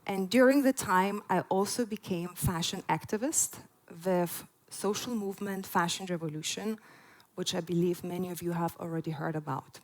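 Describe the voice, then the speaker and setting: On a low-quality recording, a festival speaker in her forties with Lithuanian roots delivers her prepared remarks earnestly to the audience. Her voice is lowish and her pace moderate. Frequent "uh" fillers dot her speech.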